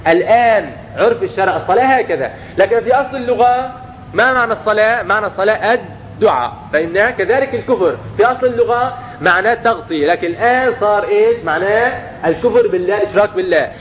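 A man's voice: high-pitched, expressive, fast, highs cut off, a little hiss or hum. A man preaching a religious lesson to young people, often asking questions and answering them himself. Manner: acts out everyday speech in quotes.

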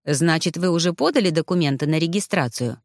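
A woman voicing a suave, oily male mage who speaks in a syrupy, unhurried way, read for an audiobook. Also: low-pitched, animated, no echo, studio quality. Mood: smarmy.

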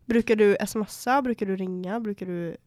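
In a studio-quality recording with no room sound, a young woman with a slightly mellow mid-range voice co-hosts a podcast. Chatty and profane, she acts out fights in which her outbursts keep rising.

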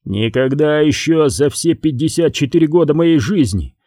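In an audiobook, a man plays a gruff sheriff in his fifties who grumbles threats. The delivery is animated, with a mellow tone. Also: a little high, moderate pace, no room sound, clean studio sound, natural voice. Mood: grumbling. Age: 50s. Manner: grumbling, menacing. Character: gruff middle-aged male sheriff, furious.

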